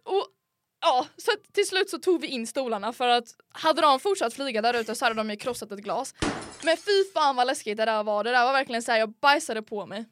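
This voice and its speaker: A young woman co-hosting a podcast, telling a story in a casual, animated and dramatic way with lots of fillers. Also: fairly high pitch, background noise. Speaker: podcast co-host.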